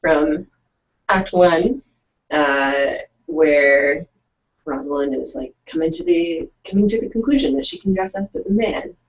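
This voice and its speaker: A young woman chats casually as co-host of a live online writing session, her voice low-pitched with a gravelly edge. She sounds set back from the microphone, and the recording is dull and lo-fi. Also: expressive, unhurried. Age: young adult. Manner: laughs often, reads comments aloud. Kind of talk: casual chat. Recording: distant mic, dull lo-fi sound.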